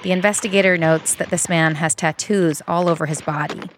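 A woman reporter narrating a scripted investigative documentary in a measured, matter-of-fact way. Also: lowish voice, steady tone, heavy background noise. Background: music.

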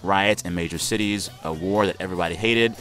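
A man's voice: sits low, brisk, faint music behind. An American man hosting a casual news chat show from a studio, informal and full of interjections. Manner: informal and animated, with frequent interjections. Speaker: radio show host. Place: radio studio.

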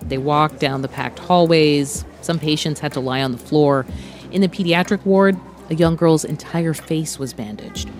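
A woman hosting a news podcast, narrating scripted reports in a grave, measured storytelling manner. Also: sits low, darkish tone. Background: music bed.

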